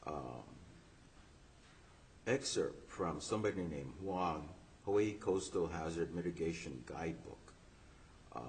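A man questioning from the bench as a justice, in a halting, deliberate way. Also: deep voice, a little mellow. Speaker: appellate justice questioning lawyers. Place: courtroom. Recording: faint background noise.

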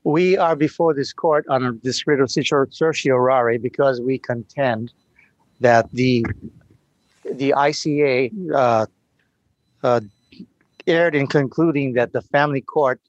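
Male appellate lawyer, medium pitch, dry sound. Formal argument delivered haltingly, in broken-up phrases. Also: fairly even intonation, dry recording, lo-fi sound. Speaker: defense attorney arguing an appeal. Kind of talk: formal oral legal argument.

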